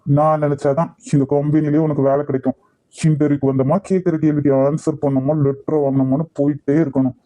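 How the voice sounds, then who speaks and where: A man with a Nagercoil Tamil accent voicing an arrogant, short-tempered young company boss in a cartoon, gruff and commanding. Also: a little high, mellow, dry recording, close to an everyday voice, low-quality recording. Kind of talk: cartoon voice acting.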